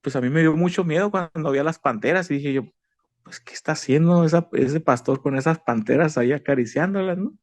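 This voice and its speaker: Speaking fairly quickly with a fairly high pitch and darkish tone, a man shares a heartfelt testimony of his faith, repeating himself earnestly and addressing the listener as brother. The recording is dry.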